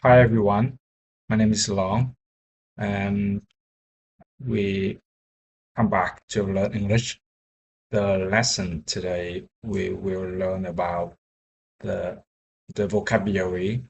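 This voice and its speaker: A young man, a software engineer learning English, talking casually in a vlog, halting with many fillers and restarts. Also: lowish voice, flat delivery, vocal fry, lo-fi sound, a little hiss or hum.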